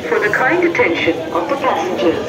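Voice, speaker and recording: Over a railway station's speakers, a woman announcer reads a scripted train announcement, repeated in three languages, in a formal, phrase-by-phrase stitched delivery. Her mid-range voice swings widely in pitch and moves very slowly. Heard from far away, the PA audio is echoey and muffled, with crowd noise around it.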